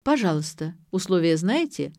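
A solemn middle-aged administrator recites the clinic's rules in a formal, pompous manner, as a woman reader voices her. The voice sits low and close in a dry recording. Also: big pitch swings, normal speed, warm tone, no room sound.

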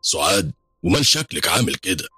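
Man doing cruel mocking thug, Egyptian accent, barking high voice, fast delivery. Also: sing-song, bright, forceful tone, slightly rough, no room sound, heavily acted. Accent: Egyptian Arabic. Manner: scornful, barking. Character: cruel, mocking male henchman with a whip.

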